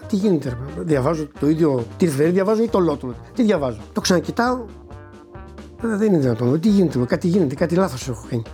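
Soft background music plays as an older man describes winning the lottery to an interviewer. His voice is a little high, mellow and expressive; he performs the dialogue himself and stumbles on repeated words when emotional.

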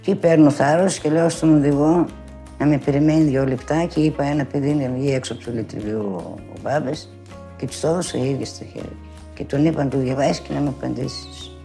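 Soft background music accompanies a low-pitched older woman as she relives a story from her youth. She animatedly performs the quoted speech of those involved, with many "she says" asides.

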